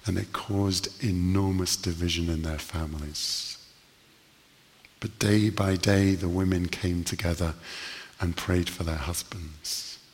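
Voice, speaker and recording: Slow, deep-voiced male preacher in a hall. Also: fairly even intonation. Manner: earnest storytelling with slow emphatic pauses. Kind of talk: sermon.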